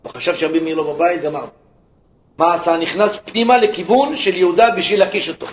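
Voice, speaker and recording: A rabbi tells a story in a sermon, speaking straight to his listeners. His voice is fairly high for a man. It echoes around the room over a faint low rumble. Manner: lively narration, addresses listeners directly.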